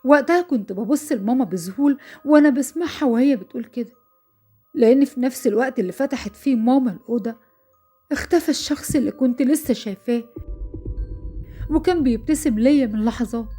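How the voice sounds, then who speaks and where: Brief: Egyptian female storyteller, young, fearful and quick, warm husky tone. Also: high voice, faint music behind. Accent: Egyptian Arabic. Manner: breathless, fearful retelling. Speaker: narrator. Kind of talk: dramatic first-person horror storytelling.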